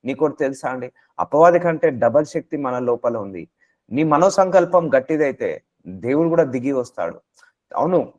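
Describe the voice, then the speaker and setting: A man's voice: mid-range voice, a little mellow, muffled recording. Man preaching an exhorting sermon. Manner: repetitive, exhorting, mixes English phrases.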